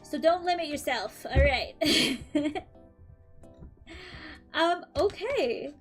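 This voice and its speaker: A young woman with a high, animated voice and drawn-out words chats with her stream viewers between tarot readings, faint music playing behind her. She's chatty and upbeat, her throat slightly dry, with frequent "um"s and light laughs.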